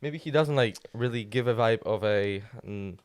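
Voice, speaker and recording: A man's voice: on the low side, moderate pace, clear, resonant tone. A teenage man from Poland with a Polish accent, a guest speaking in casual podcast chat who searches for words with many fillers. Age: teens. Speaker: guest, student youth leader.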